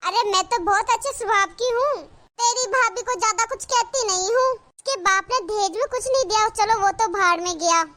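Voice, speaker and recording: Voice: extremely high pitch, moderate pace, pushed and bright, a little hiss or hum. A voice actor playing a sarcastic, complaining village mother-in-law in a cartoon. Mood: scolding. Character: nagging scolding village mother-in-law, middle-aged woman. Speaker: cartoon character. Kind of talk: cartoon voice acting.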